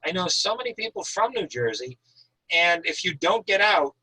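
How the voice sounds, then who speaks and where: Here an American man from Northern Maine, the author of a thriller, reads his prose and talks casually about writing. His voice sits high and is sing-song, sharp and husky, at a normal speed. The recording is low quality.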